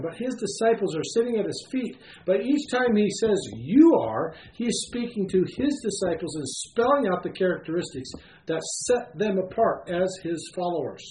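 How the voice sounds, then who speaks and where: A man preaching a sermon as a pastor, with an animated delivery, emphatic pauses and frequent filler sounds. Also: sits high, echoey room, a little hiss or hum, poor audio.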